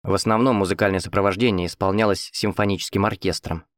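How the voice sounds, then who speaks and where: A man's voice: deep voice, fairly even intonation, quick pace, no room sound, clean studio sound. A man narrating a first-person audiobook in a wry, ironic manner.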